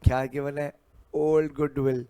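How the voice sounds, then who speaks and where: A man's voice: a little high, little pitch movement, measured pace, warm tone, smooth. A man teaching an accounting lecture, mixing Hindi and English, drawing out and repeating key terms to drill his students. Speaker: commerce teacher.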